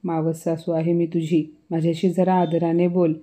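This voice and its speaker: A woman's voice: lowish voice, little pitch movement, moderate pace, dark tone, close to an everyday voice. A woman voicing a meddling older aunt who takes offence in a haughty, indignant tone in a storybook reading.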